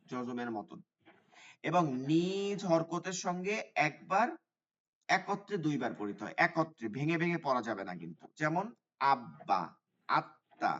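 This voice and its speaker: A man teaching a Quran recitation class online, explaining letter sounds and drawing out the recitation examples slowly. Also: on the high side, a bit bright. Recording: dull sound from away from the mic.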